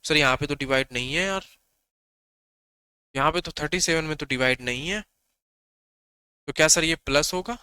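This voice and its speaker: Bright-voiced man teaching a reasoning class. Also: fairly high pitch, moderate pace, pauses often, clear, resonant tone, no echo. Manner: repetitive, asks and answers his own questions; coaxing. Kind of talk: exam-prep lesson.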